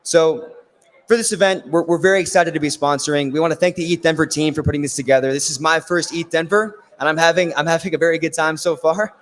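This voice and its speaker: A man with a raspy, worn voice giving a technical conference presentation, explaining things step by step and often checking in with "right?". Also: on the high side, fairly even intonation, quick pace. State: losing his voice. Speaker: conference speaker. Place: conference stage in a large hall. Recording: long hall reverb.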